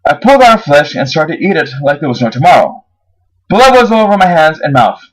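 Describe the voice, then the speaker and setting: A man's voice: fairly high pitch, very animated, fast, poor audio. A man reading his own first-person horror story aloud, his voice rising on the dramatic moments. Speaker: narrator.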